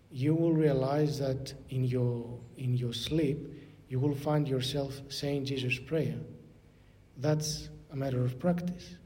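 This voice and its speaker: A man with a Greek accent giving a spiritual talk as a clergyman, answering questions in a measured, instructive way. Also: dark tone. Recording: noisy room with low rumble.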